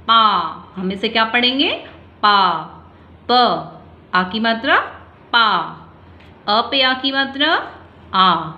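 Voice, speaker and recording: A woman teaching young children a Hindi alphabet lesson, slow and patient, asking simple questions and stretching out the sounds. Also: a little high, sharp tone, slight background noise. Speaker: kindergarten teacher. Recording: echoey room, slightly dull sound.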